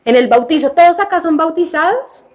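Woman preacher, high voice, fervent and direct with the congregation, muffled lo-fi capture. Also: animated, brisk, crowd noise. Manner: fervent, addresses listeners directly with questions. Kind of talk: sermon at a healing retreat.

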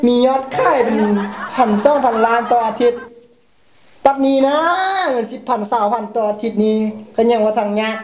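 A woman playing a joking female company boss who runs a meeting in a stage comedy sketch and keeps laughing and shouting. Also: fairly high pitch, steady tone, normal speed, echoey room, background noise, close to an everyday voice. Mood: bossy. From Laos.

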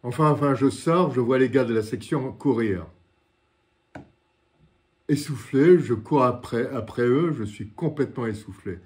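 A man in his sixties speaking as a war correspondent, recounting his reporting in the first person with dramatic pauses and repetitions, recorded in a living room. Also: mid-range voice, very noisy. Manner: dramatic storytelling with repeated phrases and pauses.

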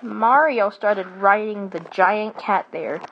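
A woman telling an improvised storybook tale in an animated way, stumbling into restarts and adding sound effects. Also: mid-range voice, slow, highs cut off, slight background noise.

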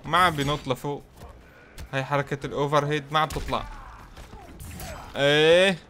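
Excitable man commentating a fighting game. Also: fairly high pitch, normal speed, slight background noise. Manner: excitable, teasing the opponent, talking to himself. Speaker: gaming channel host. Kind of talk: gameplay commentary.

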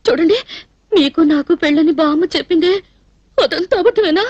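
A woman's voice: very high voice, brisk, darkish tone, no echo, lo-fi sound. A tearful lovestruck girl. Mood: plaintive. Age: young adult. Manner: plaintive, pleading, given to comic tears. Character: naive lovestruck young woman, tearful and dramatic. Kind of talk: Telugu film comedy dialogue.

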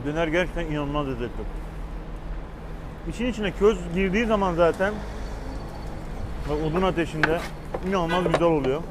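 Quick, higher-pitched male food vlogger. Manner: effusive, echoes back what vendors say. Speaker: food vlog host. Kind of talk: casual on-location food commentary and chat. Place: outdoor street food stalls in a city. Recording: noisy street with passing traffic.

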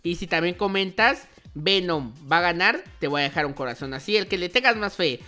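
A young man runs casual commentary on his gaming channel, his bright voice sitting high with a lively edge and a fairly quick pace. He keeps things chatty and playful, regularly speaking to viewers as quiet music plays behind him.

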